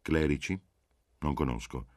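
A man voicing a doubtful, measured middle-aged professor on the telephone in an audiobook. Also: a bass voice, expressive, darkish tone, no echo, clean studio sound. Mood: guarded. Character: wary middle-aged male professor, guarded then yielding.

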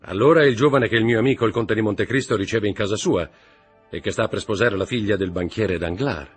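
Man voicing a stern disguised nobleman, commanding, accusing, low husky voice, faint music. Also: a little fast.

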